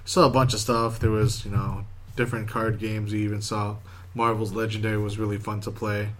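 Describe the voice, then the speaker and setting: A man in a casual group chat, relaxed and chatty as he tells a story. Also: on the low side, fairly quick.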